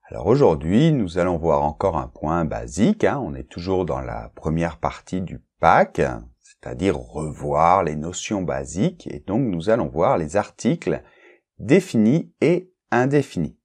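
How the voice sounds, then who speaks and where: Man, French teacher, one-to-one grammar lesson, lively swooping intonation, careful repetition, frequent check-ins. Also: sits low, a little slow, breathy edge. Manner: addresses the learner informally, one to one; spells out and repeats sounds for clarity.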